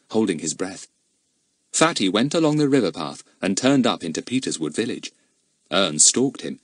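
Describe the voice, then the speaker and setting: A man narrating a children's storybook audiobook in an expressive, animated reading with a husky voice. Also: fairly low pitch, no echo.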